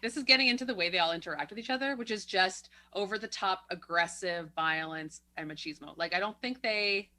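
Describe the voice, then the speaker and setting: A woman's voice: medium pitch, fairly quick, hardly any pauses, pushed and bright. A woman co-hosting a film podcast, blunt and emphatic in her opinions. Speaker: podcast co-host. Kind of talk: casual film-review chat.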